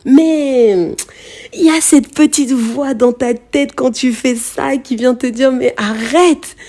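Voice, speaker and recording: A woman's voice: high voice, takes it slowly, warm tone, slight background noise. A young woman hosting a podcast, talking straight to the listener in a casual motivational monologue, with many fillers and repeated words. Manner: speaks directly to the listener, frequent fillers and repetitions. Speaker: podcast host.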